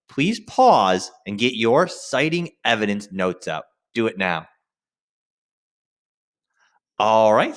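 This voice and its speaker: A male teacher leads an instructional screen-share lesson, his pitch swinging in very lively ways as he stresses key phrases. He sounds informal yet directive and checks in with his students often.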